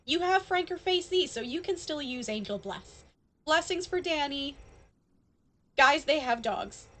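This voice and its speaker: A woman live-streams a game, chatting casually and playfully straight to her viewers. Her voice is fairly high and a bit bright, with music playing behind it.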